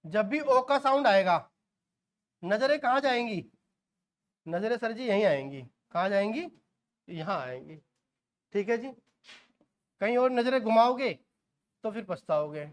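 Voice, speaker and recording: A man's voice: high-pitched, expressive, a little slow, long pauses. A man in his forties teaching shorthand, quizzing the class and answering his own questions, with folksy asides. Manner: homely asides and jokes. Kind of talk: classroom lecture.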